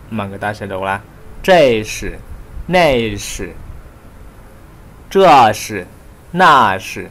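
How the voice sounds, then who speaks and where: A man with a Vietnamese accent teaching Chinese, explaining characters and leading slow, clear repetition drills. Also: mid-range voice, fairly bright tone, a little hiss or hum. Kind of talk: language lesson with read-aloud drills.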